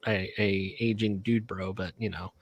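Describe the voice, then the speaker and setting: A man's voice: low voice, flat delivery, moderate pace, no echo. A man co-hosting a casual chat, dropping wry, understated asides in a conversational way. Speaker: co-host.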